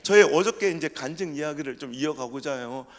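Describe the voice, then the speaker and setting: A man's voice: fairly high pitch, a little fast. A man with a Chungcheong Korean accent preaching a revival sermon, telling his testimony with humor and mimicking dialects. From South Korea. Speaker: pastor. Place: church sanctuary. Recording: reverberant church sanctuary.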